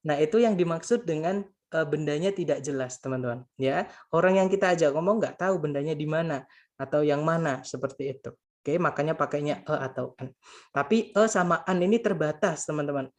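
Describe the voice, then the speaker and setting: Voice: mid-range voice, a little fast. A grammar tutor giving a casual spoken lesson, patiently repeating points and translating each example while addressing the listeners as friends.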